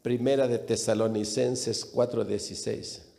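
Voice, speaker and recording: A man's voice: medium pitch, level tone, measured pace, vocal fry, dark tone, long reverb tail. A man preaching a sermon with emphasis, repeating phrases and speaking straight to the congregation.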